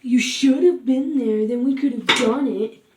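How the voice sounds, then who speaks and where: A woman's voice: high-pitched, a little slow, roomy sound. A woman voicing her cheating young ex-boyfriend, smug and defensive, barely changing her own voice.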